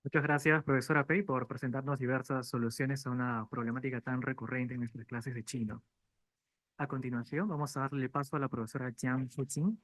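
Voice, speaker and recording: A man's voice: mid-range voice, fairly even intonation, a bit bright. A man moderating a conference, reading speaker introductions formally. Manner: brisk, reads bios formally.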